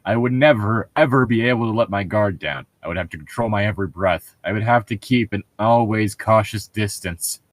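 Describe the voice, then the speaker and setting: There's no room sound on this fairly low, slightly fast voice, which rarely pauses. It belongs to a man co-hosting a comedic read-aloud show, trading casual, sarcastic, teasing banter and laughing readily.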